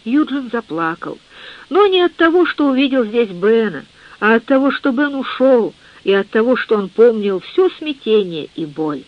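A narrator reading a literary novel in a measured audiobook style, on a dull lo-fi recording. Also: mid-range voice, big pitch swings.

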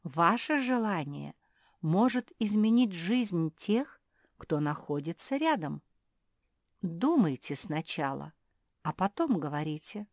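A woman voicing a wise fairy who warns and explains in a measured way. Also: lowish voice, very animated, no room sound, studio quality, exaggerated voice. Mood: stern. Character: stern wise female fairy.

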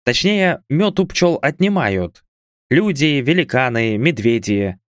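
A man's voice: mid-range voice, animated, takes it slowly, no room sound, studio quality. A man reading a first-person fantasy audiobook with wry, conversational asides. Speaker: audiobook narrator.

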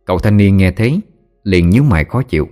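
Male audiobook narrator, very low voice, faint music behind. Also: quick pace. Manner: steady storytelling. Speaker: story narrator.

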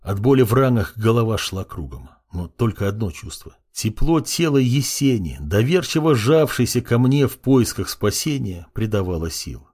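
A husky-voiced man reads a grim first-person story aloud in a tense, brooding tone. His pitch rises and falls with the drama, and his voice is low in the quieter stretches. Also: big pitch swings, moderate pace, hardly any pauses. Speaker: audiobook narrator. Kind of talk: dramatic audiobook narration.

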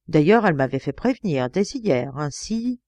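A woman's voice: deep voice, very animated, normal speed, a little mellow, no echo. A woman reading an audiobook, voicing a genial, blustery male police commissioner with hearty exclamations.

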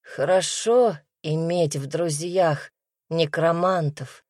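Woman reading as a young fire-spirit hero in a storybook, joking but tender, voice kept low and unhurried. His lines come close and dry, with little room around them. He leans wry when he teases his friends and soft when he says his love's name. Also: steady tone, dry recording.

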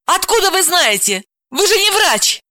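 A man voicing a sharp-tongued, bossy woman who scolds and gives orders. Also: very high-pitched, very animated, unhurried, dry recording, studio quality, voice pushed up, full character voice. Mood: scolding.

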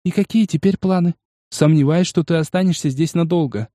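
A man's voice: fairly high pitch, fairly quick, dark tone, no echo, clean studio sound, pitched above the performer's own voice, lightly acted. A man voicing a confident, eager young woman in an audiobook, speaking with authority. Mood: curious. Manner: authoritative, upbeat.

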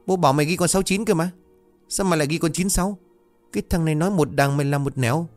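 A man's voice: fairly high pitch, rapid-fire, faint music behind, pitched above the performer's own voice, natural voice. A man voicing a stubborn, hot-tempered village father who scolds harshly in a ghost story. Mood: annoyed scolding.

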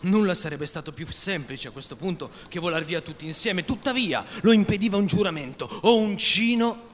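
A man narrating a storybook reading on the radio with lively, sharp delivery. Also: on the high side, a little fast, long reverb tail. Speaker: story reader.

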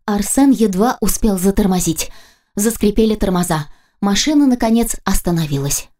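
A woman reading a first-person audiobook aloud in a lively, ironic manner. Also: mid-range voice, normal speed. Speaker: audiobook narrator.

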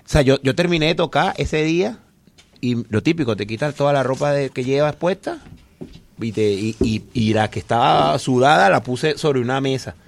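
This man's gravelly, medium-pitched voice moves at a normal speed. An immigrant musician based in Spain, he's a guest in a casual radio studio interview, wandering through long stories and saying the same words over and over.

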